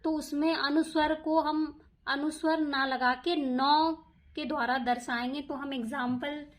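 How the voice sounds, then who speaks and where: High-voiced woman teaching slowly. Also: fairly even intonation. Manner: patient, repetitive explaining with examples. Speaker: shorthand teacher. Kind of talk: step-by-step lesson explanation.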